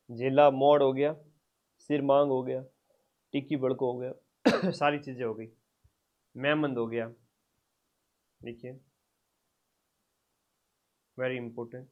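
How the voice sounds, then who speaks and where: A male teacher giving an exam-prep lecture. He repeats terms slowly for students to write down, and his loudness and distance from the mic keep changing. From Rajasthan. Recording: dull low-fidelity classroom recording.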